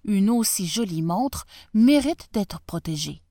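A humble old clockmaker who worries over every task, as a woman storyteller puts him on. He talks slowly and hesitantly, with a lively rise and fall in his voice. The sound is dry and close. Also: medium pitch, no echo.

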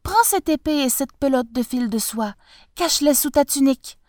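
A woman doing a soft, pleading young princess. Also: high voice, lively intonation, normal speed, no room sound, clean studio sound, pitched above the performer's own voice. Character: tender young princess, urgent and devoted.

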